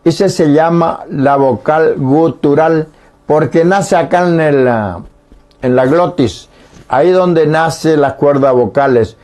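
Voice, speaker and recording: This man's voice is on the high side and a little mellow as he leads a Guarani lesson over the radio. Using a studio microphone, he patiently and slowly explains, voicing each vowel aloud.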